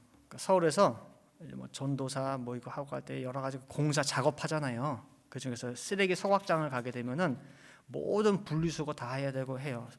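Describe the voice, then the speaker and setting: A male pastor preaching a sermon, putting questions to his congregation and swinging between soft asides and loud emphasis. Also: medium pitch. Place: church sanctuary.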